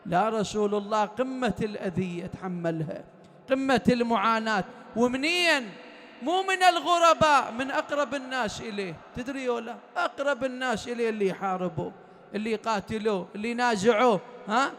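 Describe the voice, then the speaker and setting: Man, Iraqi accent, very high voice, storytelling sermon, long echoing reverb. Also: fairly bright tone. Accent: Iraqi Arabic. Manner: storytelling preacher who asks the listeners rhetorical questions. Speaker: preacher. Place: mourning gathering in a private home.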